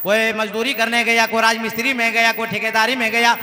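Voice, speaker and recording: Male preacher, sermon, very high pitch, piercing bright tone, shouts and banters. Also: flat delivery, a little fast, long reverb tail. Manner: impassioned, shouting, bantering with the crowd.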